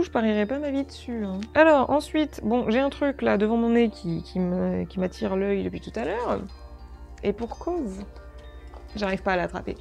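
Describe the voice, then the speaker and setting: A woman's voice: medium pitch, gravelly, a little mellow. A woman chatting casually through an unboxing video, easily delighted and gushing over small items. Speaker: unboxing vlogger.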